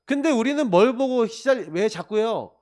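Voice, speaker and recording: Male pastor, sermon, high and very lively pitch, emphatic rhetorical questions. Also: moderate pace. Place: church.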